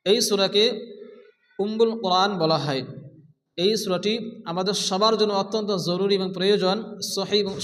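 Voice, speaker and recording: A man teaching Quran reading step by step, explaining each rule and then chanting the words slowly and drawn out. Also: high voice, fairly bright tone. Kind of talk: step-by-step recitation lesson. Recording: long hall-like reverb.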